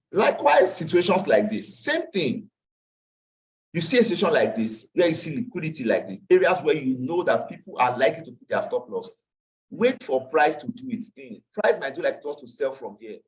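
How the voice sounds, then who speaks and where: A tired man with a mid-range, slightly mellow voice teaches a live online trading class after a long day, walking through charts. He repeats phrases and slips into Pidgin asides, and the call audio sounds distant, dull and lo-fi.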